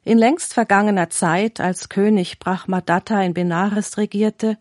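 A woman presenting a radio talk and reading a parable in a calm, clear, formal manner. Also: mid-range voice, dry recording, clean studio sound. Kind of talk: scripted storytelling reading.

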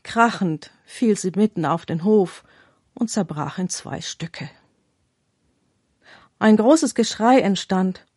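A woman presenting a radio talk and reading a parable in a calm, clear, formal manner. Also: fairly low pitch, slow pace, dry recording, clean studio sound. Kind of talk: scripted storytelling reading.

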